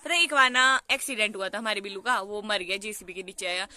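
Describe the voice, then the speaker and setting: In a mid-range voice that's quick, pushed and bright, a young adult woman with a Pahari accent from Himachal Pradesh, India, chats to her viewers. She's vlogging casually on a hillside with a phone camera at arm's length, giggly and teasing throughout.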